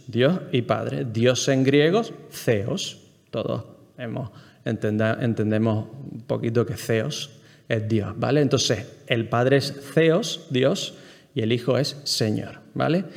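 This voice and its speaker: A man's voice: medium pitch, gravelly, in a large hall. A man with a Spain Spanish accent teaching a Bible class, explaining step by step and often checking in with the listeners and asking them questions. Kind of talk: Bible class lecture to a group.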